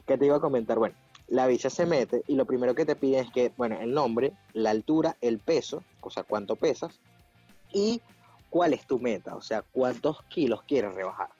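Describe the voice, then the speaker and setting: Slangy Venezuelan man, husky voice. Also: mid-range voice, normal speed. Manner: slangy, animated, laughs often. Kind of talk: casual chat. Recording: dull lo-fi sound with faint music.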